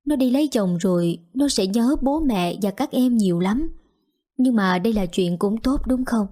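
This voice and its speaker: A woman narrating an audio story in a calm, even storytelling manner. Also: a little high, moderate pace.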